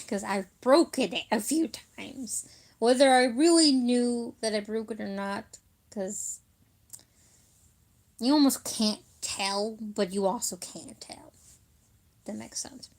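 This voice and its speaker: With long pauses and a slow pace, a young woman speaks in a fairly high voice to her viewers. She's a vlogger in a casual storytelling chat about her childhood, frequently giggling and using filler words.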